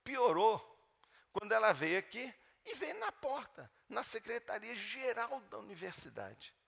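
A middle-aged man preaching, telling a personal story with fervor, swinging between loud emphatic preaching and hushed storytelling. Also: high-pitched, sing-song, a little slow, vocal fry, breathy edge. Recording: long hall reverb.

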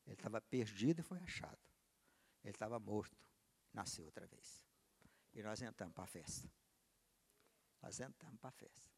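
A man's voice: on the low side, darkish tone, big-room sound. A man preaching a sermon, telling a personal story and acting out its dialogue with big swings in voice and volume. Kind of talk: sermon with acted testimony.

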